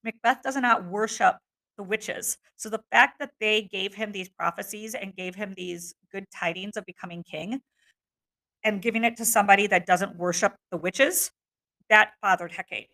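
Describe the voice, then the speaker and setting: A woman teaching a class reads a play aloud and then breaks it down in a relaxed, chatty way. Her voice is bright and clear, and she keeps an ordinary, middling pitch throughout. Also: normal speed. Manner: casual, with fillers, breaks from reading to explain. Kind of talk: reading aloud and explaining a play.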